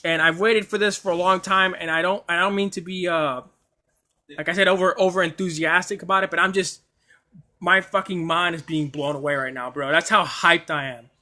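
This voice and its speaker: Male streamer, high bright voice, hyped and stammering, casual live chat. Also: brisk. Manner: excitable, stammering, apologetic. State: coughing at times. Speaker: anime streamer.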